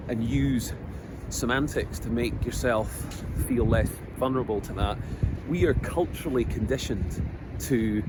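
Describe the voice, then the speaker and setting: This is a reflective personal monologue from a middle-aged vlogger from Scotland, recorded outdoors on a coast. He sounds earnest but hesitant, with plenty of ums, and his voice sits at a typical male pitch. Traffic and general street sounds are clearly audible behind him.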